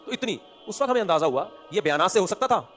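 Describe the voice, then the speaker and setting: Male preacher, Pakistani Urdu accent, rapid delivery, slightly high voice, loud then hushed, faint music underneath. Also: expressive. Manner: swings between loud emphatic points and quiet asides; rhetorical questions answered himself. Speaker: religious scholar giving a lecture. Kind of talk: Islamic sermon to an audience.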